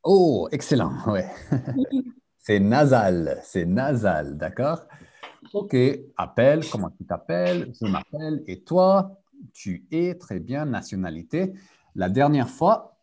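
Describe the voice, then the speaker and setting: A man's voice: mid-range voice, darkish tone. A man teaching a live French group lesson over a video call, switching between French and English and drilling repetition.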